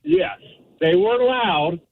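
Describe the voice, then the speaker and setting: A man's voice: sits high, very animated, creaky, crowd noise. Man calling in on a tinny speakerphone. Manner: halting, restarts often. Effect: phone speaker from a car. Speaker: caller. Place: driving in a car. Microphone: phone on speaker. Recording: tinny phone line.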